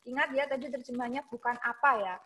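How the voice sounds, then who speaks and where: A woman teaching an online English lesson, mixing English into her explanations and slowing down to model example phrases. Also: a little high, pushed and bright, low-quality recording.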